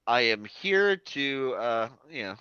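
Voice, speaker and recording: Casting: man putting on a bright, chipper older ship doctor, high, crisp, formal. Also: very animated, slow pace, no room sound, highs cut off, exaggerated voice. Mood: cheery.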